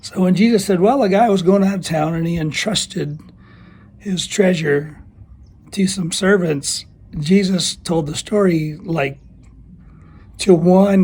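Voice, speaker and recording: A man giving a casual devotional talk in a thin, squeaky, strained voice, as if under the weather, with a folksy, self-deprecating manner. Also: slow, darkish tone, breathy edge. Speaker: church small-group leader giving a video teaching.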